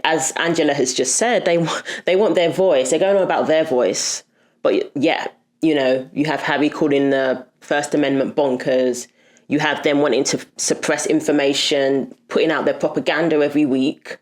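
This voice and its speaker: A woman's voice: low voice, fairly even intonation, moderate pace. A woman hosting a commentary video, talking in an indignant, emphatic way. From Britain. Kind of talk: opinionated commentary.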